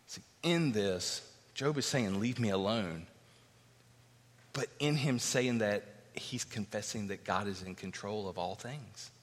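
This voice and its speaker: A man preaching a sermon, reading scripture aloud and explaining it, his voice lifting for emphasis. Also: a little slow. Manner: expository preaching, reads scripture aloud, rises in pitch for emphasis. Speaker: pastor. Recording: long hall reverb.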